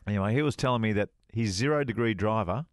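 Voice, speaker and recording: A middle-aged man, a former touring golf pro, co-hosting a podcast and telling an animated anecdote in casual chat. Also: fast talker, no echo, clean studio sound. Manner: animated anecdote teller, rises high acting out quoted dialogue.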